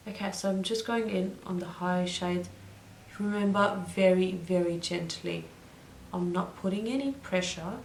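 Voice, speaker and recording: A young woman beauty vlogger chats through a makeup tutorial in a fairly low voice, wandering into side stories and correcting herself along the way. The recording has a roomy echo and a little hiss or hum.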